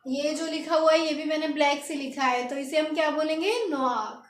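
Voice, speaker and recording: A woman's voice: high-pitched, level tone, brisk. A woman teaching beginners, spelling words letter by letter and asking learners to repeat after her. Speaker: French teacher. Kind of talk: lesson for beginners. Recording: echoey room.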